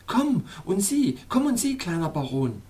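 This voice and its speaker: A man voicing an eager, tender-hearted young princess in a storybook reading, calling out in a bright, excited high voice. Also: a little slow.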